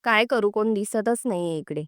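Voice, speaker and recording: A woman's voice: medium pitch, normal speed, smooth, no room sound, studio quality, lightly acted. Woman reading as a bossy older mother. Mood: demanding. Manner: bossy, blunt. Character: loud, demanding older mother.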